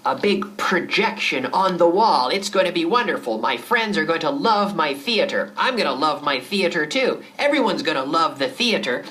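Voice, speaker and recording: A woman voicing an excited man buying a projector for his home, in a role-play for an English lesson, eager and repetitive. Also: sits low, a little slow, few pauses, pitched below the performer's own voice.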